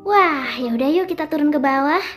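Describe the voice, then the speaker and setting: A woman voicing a shrill, dramatic young mom. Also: animated, fairly quick, faint music behind. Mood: curious. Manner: dramatic, sobbing accusations. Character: emotional young mother, quick to jealousy. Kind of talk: game role-play storytelling.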